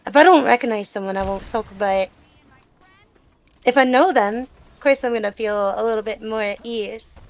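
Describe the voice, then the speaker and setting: A gamer being interviewed, this woman answers casual live Q&A questions and talks personally, reflectively and explanatorily. Her voice leans high and moves at a normal speed, and the recording is low quality.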